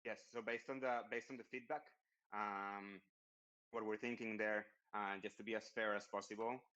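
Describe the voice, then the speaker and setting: A man with a very low voice answers questions on an online community call while his connection keeps breaking up. He talks haltingly and fills the gaps with ums and restarts. The audio is dull and lo-fi. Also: steady tone, a bit bright, clean tone. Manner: hesitant, with many fillers and restarts. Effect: unstable, dropping internet call connection.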